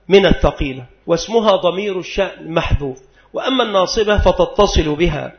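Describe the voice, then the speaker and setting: A man with a high voice gives a measured lecture, repeating each rule and stretching out examples word by word. The sound is dull and lo-fi, with a roomy echo around him. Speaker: teacher. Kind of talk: recorded classroom lecture.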